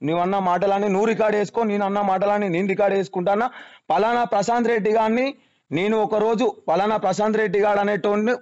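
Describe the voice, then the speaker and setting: Insistent fast-talking Telangana man on phone. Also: high voice, fairly even intonation, darkish tone. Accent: Telangana Telugu. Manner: insistent, pleading, keeps interrupting. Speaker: caller in a heated dispute. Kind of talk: recorded phone argument. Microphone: phone call. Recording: muffled lo-fi phone call recording.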